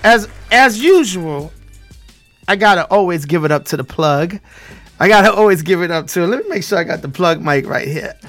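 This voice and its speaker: A man's voice: high voice, expressive, moderate pace, fairly bright tone, faint music behind. A man from Brooklyn with a Brooklyn accent, hosting a casual live show in a hype manner, repeating phrases for emphasis. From Brooklyn, New York. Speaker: radio show host.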